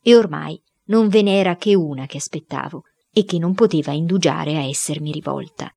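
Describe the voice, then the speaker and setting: A woman reading a boy's first-person diary story aloud, in a lively storytelling way. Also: deep voice, moderate pace, gravelly, breathy edge. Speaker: reader.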